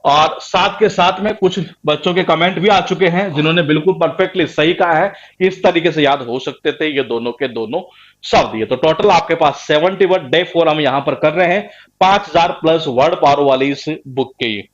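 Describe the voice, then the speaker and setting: A man's voice: fairly high pitch, normal speed. A man teaching vocabulary in an online class, who asks rhetorical questions and keeps tagging lines with a filler word. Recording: dull lo-fi sound.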